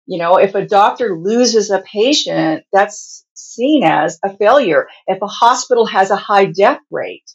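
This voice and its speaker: A woman with a husky voice giving plain-spoken, explanatory answers as a hospice nurse being interviewed. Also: mid-range voice, animated, measured pace, hardly any pauses, highs cut off.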